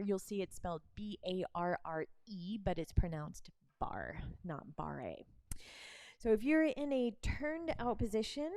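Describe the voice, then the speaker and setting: A young woman instructor talks through barre moves in an encouraging, good-humored way. Her voice is mellow and sits at a middle pitch. The sound is dry and close. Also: no echo. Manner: instructive, encouraging, laughs often. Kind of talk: demonstration class explanation.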